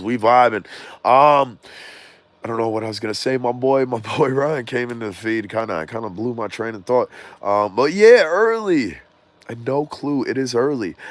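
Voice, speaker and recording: A man hosting a casual drone livestream, slightly raspy and congested from the cold, talking loosely and animatedly to his viewers outdoors. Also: deep voice. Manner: loose, rambling, animated, jokes and reads chat aloud.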